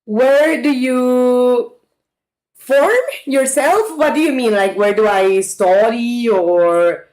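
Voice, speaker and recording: A woman from Mexico streams a farming game and chats casually with her viewers, reacting aloud as she plays. Her voice is a little high and slightly mellow, she talks slowly, and the recording is rough.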